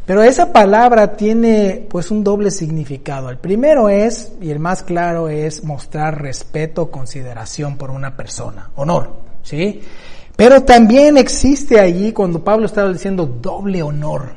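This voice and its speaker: A preacher man with a mellow, higher-pitched voice teaching from scripture. He explains word meanings step by step and checks in with his listeners through rhetorical questions. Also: expressive, moderate pace. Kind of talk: bible teaching sermon.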